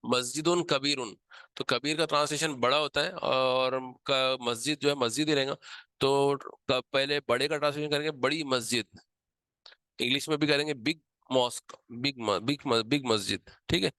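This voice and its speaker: A man's voice: mid-range voice, fairly even intonation, moderate pace, sharp tone, smooth, no room sound. A man teaching a grammar lesson, explaining patiently step by step and repeating key points.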